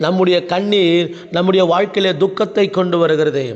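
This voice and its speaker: Male pastor, high voice, earnest consoling sermon, dull recording with a long echo. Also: steady tone, fairly quick. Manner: earnest, consoling, repeats phrases for emphasis.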